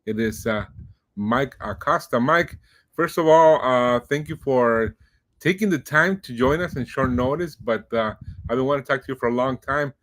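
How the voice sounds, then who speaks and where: A man's voice: mid-range voice, moderate pace. Rambling middle-aged man hosting a podcast. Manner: warm-hearted, rambling, many fillers. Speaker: podcast host. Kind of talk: casual interview.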